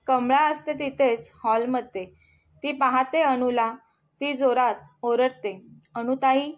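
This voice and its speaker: Slow high-voiced woman storyteller. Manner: reads slowly, voicing the family's lines herself. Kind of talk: scripted story narration.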